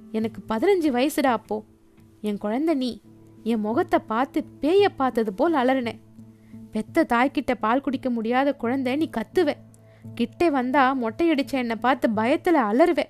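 Woman doing an old widowed grandmother in a told tale: pleading, fierce, high and raw. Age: older. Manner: impassioned, pleading. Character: grieving elderly widowed grandmother, fierce and sorrowful.

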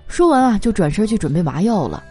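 Woman, comic storyteller, lively intonation, soft music behind. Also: medium pitch, quick pace, slightly rough. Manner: lively, animated, laughs through punchlines. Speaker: comedy monologue performer. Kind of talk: stand-up style comic storytelling.

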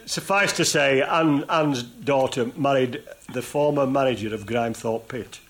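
A man's voice: medium pitch, measured pace, fairly bright tone, a little hiss or hum. A man hosting an interview, chatting casually and recounting background stories to his guest. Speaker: interviewer and host. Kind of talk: casual chat.

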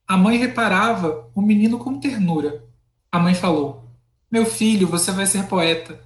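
A woman's voice: mid-range voice, normal speed. Echoey Brazilian woman, host's voice. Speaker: interview host. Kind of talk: poetry reading, then conversational hosting. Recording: echoey, roomy sound.

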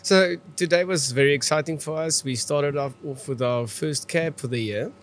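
A man's voice: on the high side, moderate pace. A man from South Africa with an Afrikaans accent, answering conversationally as a viticulturist guest and often repeating words as he feels his way along.

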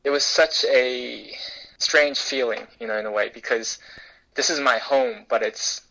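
A young man from South Korea who grew up in the US speaks as a reporter in an interview. He talks thoughtfully and casually, often stopping to restart a phrase with an "uh" or "you know." His voice sits in a moderate middle pitch. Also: measured pace, creaky, pushed and bright, dull audio. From South Korea, raised in the US. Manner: thoughtful, frequent fillers and restarts. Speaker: journalist guest. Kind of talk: conversational interview answers.

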